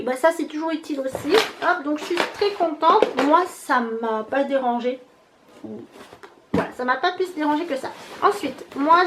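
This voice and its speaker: High-voiced chatty French beauty vlogger. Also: female voice, background noise. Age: 30s. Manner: chatty, showing products one by one. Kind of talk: casual haul chat.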